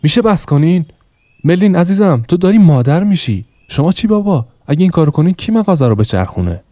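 A male narrator voicing a gentle young man who suddenly loses his temper, pleading in a raised, rising voice in an audiobook. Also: fairly high pitch, sing-song, no room sound, studio quality, voice pushed up. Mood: exasperated.

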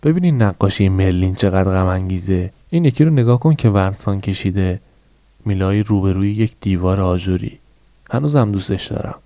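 A man's voice: deep voice, lively intonation, dark tone. A man voicing a morbid, doting middle-aged shopkeeper mother in an audiobook reading, with a scolding, matter-of-fact manner. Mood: admiring.

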